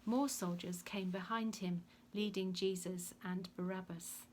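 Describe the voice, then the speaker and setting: A woman narrates a Bible story at an even, moderate pitch. Her delivery is measured and deliberate, like a scripted reading, and a faint noise sits beneath her voice. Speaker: reader.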